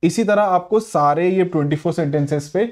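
Man teaching grammar, slow and explanatory. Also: sits high, darkish tone. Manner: reads English example sentences slowly, then explains in Hindi; mixes Hindi and English, with frequent fillers. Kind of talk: exam-prep lesson.

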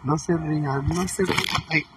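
A man's voice: a little high, fairly even intonation, normal speed, natural voice. A man with a Mexican accent playing a brash, crude, gossipy woman in a comedic character monologue. He rambles, swears and leaves sentences hanging. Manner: rambling, chatty, swears, trails off mid-sentence. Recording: distant mic with noisy ambience.

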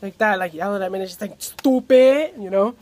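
A young man telling a family story in a casual vlog to his phone camera. He is animated, mimics the people he quotes and drops Spanish words into his talk. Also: sits high, racing.

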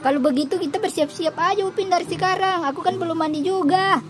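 A woman voicing a cautious little cartoon boy who keeps warning and nagging his twin. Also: quick pace. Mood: worried. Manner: warns and nags, high piping. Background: game music.

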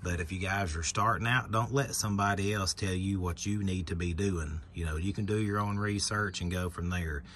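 Deep-voiced man showing his work truck. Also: fairly even intonation, moderate pace, few pauses, fairly bright tone, slight background noise. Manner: plainspoken, defensive toward critics. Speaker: pressure washing business owner. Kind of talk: casual walkthrough vlog. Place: outdoors by a pickup truck bed. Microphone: phone camera held by the speaker.

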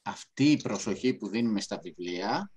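A woman from the publishing house chatting about their books, animated and conversational. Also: extremely low pitch, husky, muffled recording. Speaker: publisher host. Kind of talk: casual talk.

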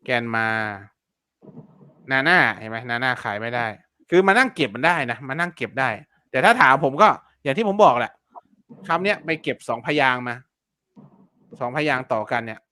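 Forceful chatty man teaching on a live stream. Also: medium pitch, expressive, moderate pace, smooth, no echo. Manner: chatty, repeats words and fillers, polite particles. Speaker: online seller teaching keyword research. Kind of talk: casual live-stream lesson.

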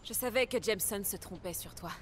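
A woman's voice: medium pitch, brisk, a little hiss or hum, natural voice. A woman acting a proud, guarded young street woman in a naturalistic French video game dub. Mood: grateful.

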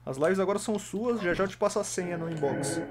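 A man's voice: high-pitched, fast talker, background noise. A Brazilian Portuguese-accented man streaming a game live, muttering through puzzles, swearing often and bantering with his chat. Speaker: gaming streamer. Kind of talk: live gameplay commentary. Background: game music.

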